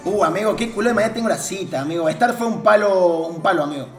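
A man with an Argentine accent streaming slots, talking loudly to his chat with sudden shouted outbursts and lots of slang. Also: high-pitched, fast, echoey room, faint music behind. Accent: Argentine Spanish. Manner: excitable, loud outbursts and shouting, heavy slang and swearing. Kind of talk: live gambling stream chat.

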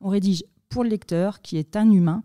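A woman explaining content marketing on a podcast in a measured way, with many fillers. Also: medium pitch, dark tone, dry recording, studio quality.

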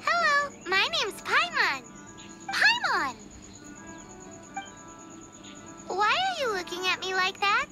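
A tiny, cheeky fairy sidekick, squeaky and extremely high, with childish, animated delivery. It sounds like video game acting over loud music. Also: female voice, unhurried, exaggerated voice. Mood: wary, chirpy. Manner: talks about self in third person, childish. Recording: game music playing behind.

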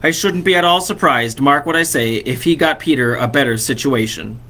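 Male reader as a soft-spoken loving dad, bright tone. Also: mid-range voice, moderate pace. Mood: tender. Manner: tender, reassuring. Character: gentle loving poor father.

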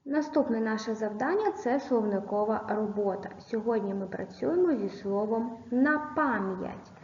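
A primary school teacher records a video lesson for young pupils, patiently dictating and spelling out sounds and syllables. Her voice is on the high side and dark in tone, with lively intonation and a normal pace. The echoey room gives a dull lo-fi sound with slight background noise.

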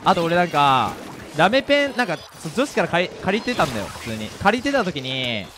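A man's voice: a little high, very animated, brisk, background noise. A young man, a pro gamer, telling rambling, self-mocking childhood stories in casual chat while he plays a game. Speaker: pro gamer and video creator. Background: faint game music.

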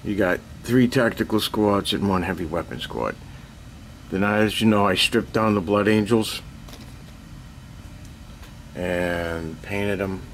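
An older man talks slowly and deeply, clearing his throat now and then as he rambles in a self-deprecating way. He is filmed on a handheld camera in a cluttered basement hobby room, with a faint hum in the background. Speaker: miniature painting hobbyist. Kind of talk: casual show-and-tell update.

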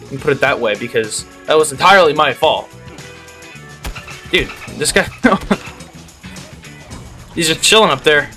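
A man's voice: fairly high pitch, animated, a little slow, pauses often, faint music behind. Exasperated young man ranting over gameplay. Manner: exasperated, ranting, bursts into loud disbelief. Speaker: gaming channel host. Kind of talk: gameplay commentary.

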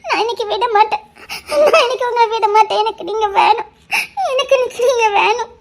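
A woman's voice: very high-pitched, a little fast, vocal fry. A woman playing a jealous young wife who pleads tearfully with her husband in an amateur audio drama. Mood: tearful pleading. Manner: tearful, pleading, half laughing.

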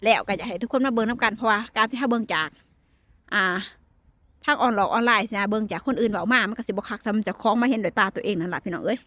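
This travel vlogger speaks very fast in a medium-pitched, fairly bright voice, captured in a dry recording. Originally from Laos or northeast Thailand and carrying an Isan Lao accent, she chats warmly to her audience, calling them brothers and sisters, as she tours a castle. It's casual narration filmed outdoors on the castle wall while it rains.

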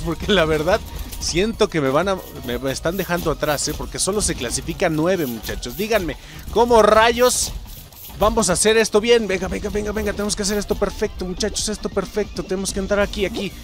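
Young Mexican man, gameplay commentary, high voice, wild swings in pitch, faint music behind. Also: a little fast. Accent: Mexican Spanish. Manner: excitable, swearing, yelling at the game. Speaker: gaming YouTuber.

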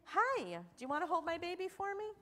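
A young woman giving a children's sermon in church, asking the children questions in an animated way. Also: extremely high pitch, fairly quick, noisy background. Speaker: children's message leader. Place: church sanctuary. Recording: church hall reverb.

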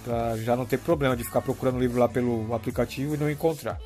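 This app tutorial presenter is a Brazilian man who demonstrates a phone app one step at a time, casually dropping frequent "tá?" and "né?" check-ins. He speaks very fast in a steady, medium-pitched, slightly mellow voice over soft background music.

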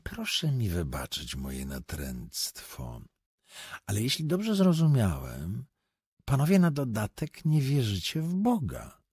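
A man voicing a mysterious, low-voiced foreign gentleman who speaks with slow, insinuating courtesy in an audiobook. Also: wildly swooping pitch, breathy edge, no echo, studio quality, exaggerated voice. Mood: courteous, wondering.

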